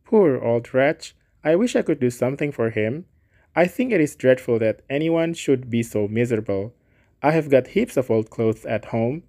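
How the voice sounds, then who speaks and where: Man doing an earnest young gent, higher and eager, storybook voice. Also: expressive, moderate pace, dark tone, natural voice. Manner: eager, raised, lifted tone. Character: earnest, kind-hearted young gentleman.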